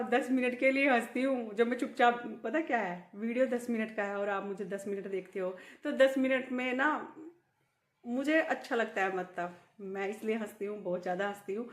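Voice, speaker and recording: A middle-aged woman vlogging in casual chat to the camera, laughing often as she talks. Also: mid-range voice. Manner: laughs often while talking. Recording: echoey room.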